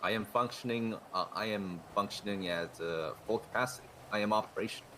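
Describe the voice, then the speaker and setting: A man doing an oddly mechanical adult man, speaking in stiff, formal phrases with a low, level voice. He delivers every line like a machine reading out a status report, in game role-play. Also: fairly quick, fairly bright tone, slight background noise, natural voice, rough recording. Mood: stiff robotic.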